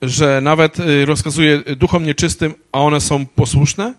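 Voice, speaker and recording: A man's voice: on the high side, fairly even intonation, unhurried. A man interpreting a sermon live, hesitant, with frequent fillers and restarts.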